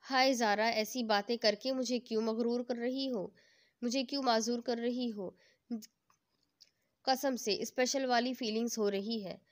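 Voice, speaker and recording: A playful young husband who teases and coaxes his wife, as a woman storyteller reads him. The voice sits a little high and stays close to her own. The lines come in a fond, joking way, like a storybook read aloud. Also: normal speed, natural voice. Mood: teasing, tender. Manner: teasing, coaxing.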